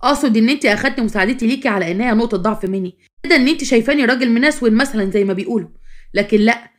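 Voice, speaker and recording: A woman's voice: a little high, very fast, lightly acted. A woman voicing an exasperated grown husband, speaking in an Egyptian accent in a scolding, insistent way that rises to anger. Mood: angry. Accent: Egyptian Arabic. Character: exasperated husband, grown man, stern and proud.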